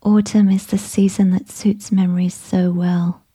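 A woman whispering a slow, soothing guided meditation with gentle instructions. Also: mid-range voice, flat delivery, breathy edge.

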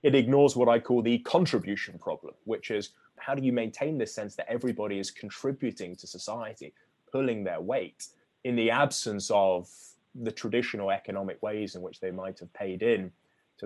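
A man, an author being interviewed, explaining his ideas in a measured way with frequent restarts. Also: on the low side, a little mellow. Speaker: author guest.

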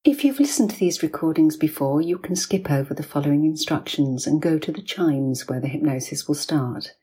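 A woman host speaking softly and soothingly in a breathy, near-whispered voice, narrating guided hypnosis like a sleep story, with long pauses between short phrases. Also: deep voice.

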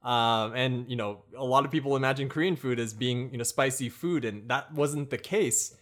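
An American man appears as a podcast guest, a Japanese cooking teacher chatting casually about cooking. His mid-range voice is a bit bright and moves at a moderate pace as he gives long, thoughtful, rambling explanations.

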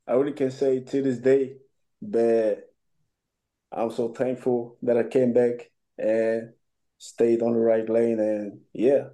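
A man's voice: mid-range voice, flat delivery, slow, dark tone, rough recording. A young man from Cameroon, an amateur boxer, answering interview questions with many fillers and restarts.

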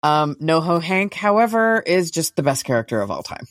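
A woman co-hosting a podcast, chatting casually about TV shows in a relaxed way, now and then swearing. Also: deep voice, normal speed, dry recording, clean studio sound. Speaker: podcast co-host.

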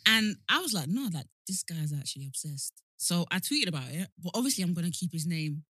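A woman's voice: on the low side, lively intonation, brisk, sharp tone, dry recording, studio quality. A woman with a London British accent co-hosting a casual, opinionated chat, speaking emphatically and repeating words for emphasis. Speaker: podcast co-host.

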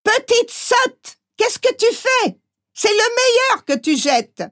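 A woman voicing a stern farm wife who scolds a child in shrill tones. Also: lively intonation, slow pace, heavily acted. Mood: scolding.

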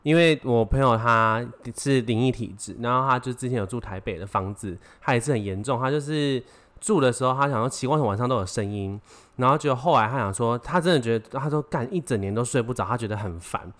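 A man co-hosting a podcast, chatty and quick to jump in with questions. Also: medium pitch, fairly bright tone. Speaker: podcast co-host. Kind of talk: casual chat.

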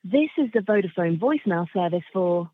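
A woman's voice: lowish voice, animated, dry recording. Automated voicemail woman over a landline phone. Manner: slow, measured and formal. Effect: recorded phone-system announcement over a landline phone. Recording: tinny phone line, dry.

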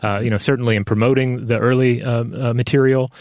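A man co-hosting a podcast, explaining casually in halting, hesitant phrases. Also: mid-range voice, steady tone, a little mellow, dry recording, clean studio sound. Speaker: podcast co-host.

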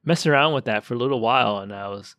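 Guy with a gravelly voice, laid back guest chat, dry sound. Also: medium pitch, racing, no echo. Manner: relaxed, thoughtful storytelling with fillers. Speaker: podcast guest. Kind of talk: casual chat.

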